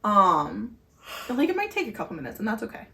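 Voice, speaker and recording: A woman's voice: medium pitch, wildly swooping pitch, fairly quick, gravelly, sharp tone, recorded from a distance. Earnest woman in an echoey room. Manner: earnest, explaining with many fillers. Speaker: podcast co-host. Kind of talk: casual wellness chat. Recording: echoey room heard from afar.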